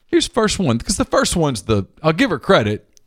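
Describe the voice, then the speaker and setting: In a radio studio, a man co-hosts a casual sports talk show, trading wry banter and reading listener questions aloud into a studio microphone. His high voice swoops wildly in pitch at a normal speed, with no room sound.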